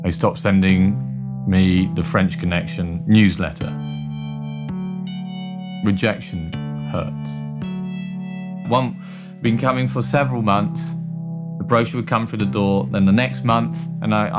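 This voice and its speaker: A man telling wry, animated stories in a documentary interview. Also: fairly low pitch, a little slow, pauses often, over loud music. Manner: animated, wry anecdotes with playful quoted voices. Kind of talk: storytelling interview.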